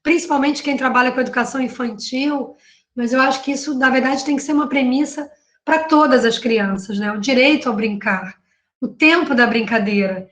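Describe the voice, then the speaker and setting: A Brazilian woman with a notably high, fairly bright voice and a Brazilian Portuguese accent presents her research at an online academic panel, like a professor. She speaks at a moderate pace in a conversational way, often adding "né?" to check in with listeners and correcting herself. The video-call audio has a slight ring from an echoey room.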